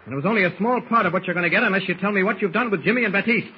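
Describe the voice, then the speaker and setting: An actor playing an unflinching government agent hero in an old radio serial, speaking with firm, clipped defiance. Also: male voice, sits high, rapid-fire, natural voice. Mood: commanding. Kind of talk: 1940s radio serial acting. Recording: muffled, hissy old radio recording.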